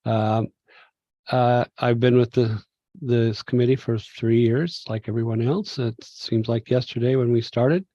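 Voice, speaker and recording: A man's voice: mid-range voice, fairly even intonation, unhurried, dark tone, no room sound, muffled recording. A man introducing himself in a chatty, rambling way at a community advisory meeting held over a video call. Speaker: community advisory group member.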